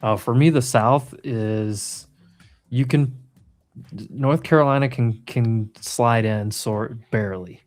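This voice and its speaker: A man's voice: medium pitch, slow pace, darkish tone. A man from New England hosting a live trading stream, bantering casually and teasing his co-hosts with firm opinions.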